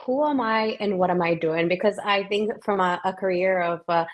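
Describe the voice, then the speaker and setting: Guest, woman, 40s, from Ecuador, chatty and lively, often restarts mid-sentence. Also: mid-range voice, moderate pace. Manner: restarts often, animated and enthusiastic. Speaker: guest, physician scientist. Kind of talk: casual interview conversation.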